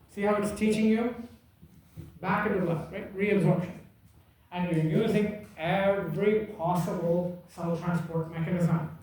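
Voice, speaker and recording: A man's voice: sits high, darkish tone. A man lecturing a class in an emphatic, teasing way, repeating key points and checking that students follow. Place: lecture room. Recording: echoey room from far off.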